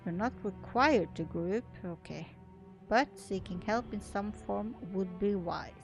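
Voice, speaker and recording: Over soft background music, a gaming video creator reads an article in an unhurried, mid-range voice and comments casually along the way. English is not her first language, so she often stumbles and restarts.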